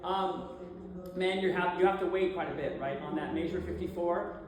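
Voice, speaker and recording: A woman's voice: fairly low pitch, moderate pace, background noise. A woman leading a choir rehearsal, counting off beats and singing short phrases to show the choir how they go. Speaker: choir director. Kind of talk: rehearsal instruction. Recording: echoey room with piano.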